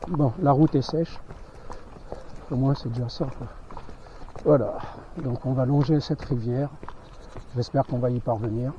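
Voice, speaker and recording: A man's voice: medium pitch, steady tone, a little slow, pauses often, mellow. A man giving casual running commentary outdoors in the countryside, chatting to his animals as he walks. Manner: chatty, talks to his animals while walking. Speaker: vlogger traveling with animals. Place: outdoors in a rural village and countryside. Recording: dull lo-fi outdoor audio with faint noise.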